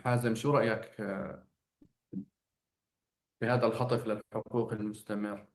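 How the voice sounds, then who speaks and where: A man's voice: lowish voice, level tone, moderate pace. A man with a Levantine Arabic accent in earnest conversation, repeating phrases for emphasis. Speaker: activist leading the conversation. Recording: roomy, echoing sound.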